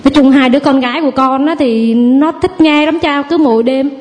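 High-voiced young mother telling her story. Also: brisk, a little mellow. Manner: chatty storytelling, acts out family quotes. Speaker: audience member giving testimony. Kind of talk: nervous personal testimony.

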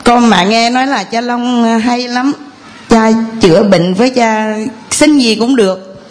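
A woman's voice: on the high side, measured pace. A woman, telling a long, rambling, earnest story of faith to a priest in church. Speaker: parishioner giving testimony. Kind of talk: tearful church testimony.

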